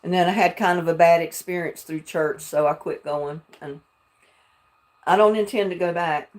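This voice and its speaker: An older woman from North Carolina, speaking from her home in Texas, hosts a livestream in a fairly low voice with fairly even intonation and a moderate pace. Her Southern drawl carries some Texas, and she chats casually with viewers, chuckling often.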